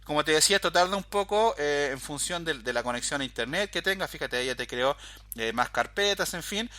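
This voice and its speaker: In this screen-recorded coding tutorial, a programming instructor walks through each step while drawing the viewer's eye to details, frequently with a "fíjate." His voice sits on the high side and sounds bright and forceful, expressive and fairly quick, in a dry recording.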